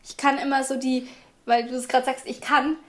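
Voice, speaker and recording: Woman pastor, high voice, reflective and hesitant in casual talk. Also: flat delivery, moderate pace, fairly bright tone. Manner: thoughtful, hesitant, many fillers. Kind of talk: casual faith podcast chat.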